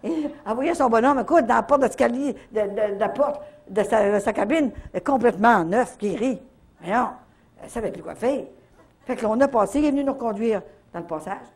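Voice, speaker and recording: Older woman with a Canadian French accent, retreat speaker, husky voice, lively storyteller. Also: a little high, brisk. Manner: lively storytelling with frequent "là, hein" tags. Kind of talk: faith testimony storytelling.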